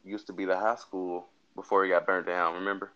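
Tired, very deep-voiced young man. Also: flat delivery, bright, forceful tone, highs cut off. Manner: laid-back, hedging, unhurried. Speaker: co-host. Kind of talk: casual late-night chat.

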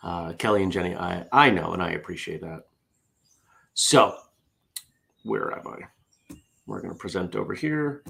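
Gravelly, lively man hosting a morning show. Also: deep voice, normal speed. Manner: chatty, self-deprecating, groans at puns. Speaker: host. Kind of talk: casual morning show chat, reading jokes.

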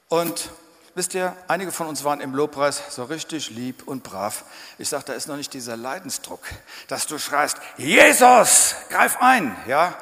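A man preaching a sermon in church, emphatic and dramatic, sometimes breaking into loud shouts. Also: fairly high pitch. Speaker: pastor. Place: church hall. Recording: church hall reverb.

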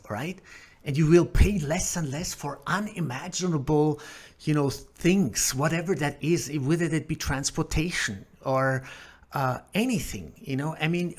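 A man hosting a podcast, talking in a rambling, excited monologue full of fillers and restarts. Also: on the high side. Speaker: podcast host. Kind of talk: casual monologue.

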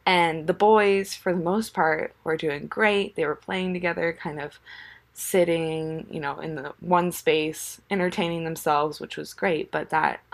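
A young mother chats through a story in a lowish voice, full of "like" and "um". She laughs often as she talks. The delivery is relaxed and unscripted, like a casual podcast monologue. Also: a little slow, vocal fry. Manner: chatty, laughs often, filler "like" and "um".

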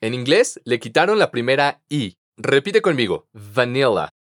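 Lively, encouraging man teaching. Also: mid-range voice, no room sound, clean studio sound. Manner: patient, encouraging, models words slowly for repetition. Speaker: pronunciation teacher. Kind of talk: podcast language lesson.

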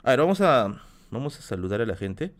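A man's voice: mid-range voice, very animated, a little fast. A man, a streamer telling stories in casual chat, rambling with many restarts while sick with a bad flu. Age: 30s. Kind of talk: casual storytelling on a live stream.

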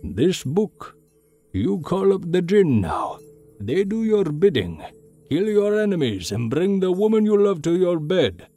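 A man voicing a pushy old male shopkeeper who wheedles, whispers and booms, with faint music behind. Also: a little slow, heavily acted. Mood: wheedling. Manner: whispering then booming, high and animated.

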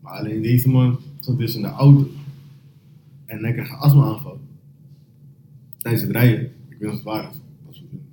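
A young man hosting a casual podcast chat, animated and slang-heavy, laughing often as he tells stories. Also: lowish voice, moderate pace, pauses often. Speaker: podcast host. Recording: roomy echo, faint noise.

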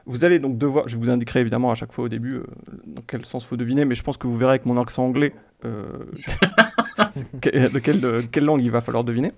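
A man's voice: mid-range voice, fast talker, creaky. Chatty quiz host man. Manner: chatty, repeats himself, reads lyrics flatly. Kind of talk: casual game show hosting with friends.

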